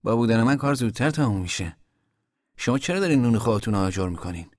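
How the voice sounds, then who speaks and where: A man's voice: mid-range voice, animated, a little mellow, dry recording, clean studio sound, voice pushed up, natural voice. A man voicing a young newly arrived migrant who speaks politely and earnestly.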